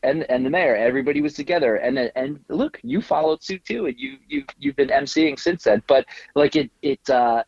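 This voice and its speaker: Brief: husky middle-aged male guest, animated storyteller, dry and slightly dull audio. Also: on the high side, fairly quick, few pauses, no room sound. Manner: animated storyteller, laughs often, acts out quotes. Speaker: guest, tattoo artist. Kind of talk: casual interview storytelling.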